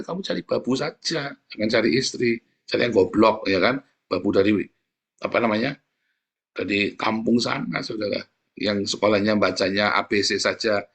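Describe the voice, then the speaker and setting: A man's voice: medium pitch, creaky, fairly bright tone, slightly rough. A man preaching a sermon, joking with the congregation and often calling out to them directly. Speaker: pastor.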